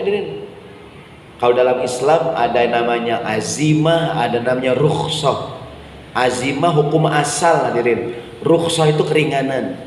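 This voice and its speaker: Echoing preacher in a mosque. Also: male voice, mid-range voice, darkish tone. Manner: conversational, often addresses the congregation and asks "right or not?". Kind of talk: evening mosque sermon. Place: mosque hall. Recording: very echoey mosque hall with long reverb and faint noise.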